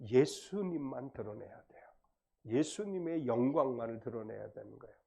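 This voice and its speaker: A man's voice: mid-range voice, lively intonation, normal speed, vocal fry, mellow, husky. A man preaching a Sunday sermon as pastor, explaining the meaning of words with rising and falling emphasis. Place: church sanctuary.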